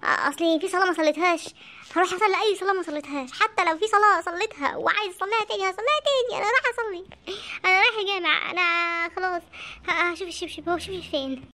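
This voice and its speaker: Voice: extremely high pitch, rapid-fire, sharp tone, exaggerated voice. A voice actor playing a frightened young husband in a comic cartoon, with an Egyptian accent and a whiny, panicky manner. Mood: scared. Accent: Egyptian Arabic.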